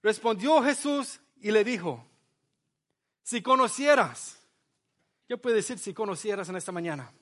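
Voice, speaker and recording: A man preaching a sermon, reading scripture slowly and then pressing his listeners with rising, emphatic questions while an interpreter follows him. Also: high-pitched, lively intonation, a bit bright. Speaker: pastor. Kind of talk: bilingual sermon with live interpreter.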